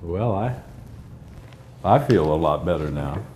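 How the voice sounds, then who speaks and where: An actor playing a patient, slightly flustered judge in a courtroom drama, with hesitant, conversational authority. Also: male voice, low-pitched, animated, measured pace, darkish tone, slight background noise. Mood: relieved. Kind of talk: acted courtroom drama dialogue.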